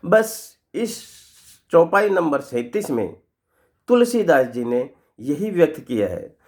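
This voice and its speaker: A man telling a short folk tale and explaining scripture verses in a devotional lesson, with animated storytelling. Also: medium pitch.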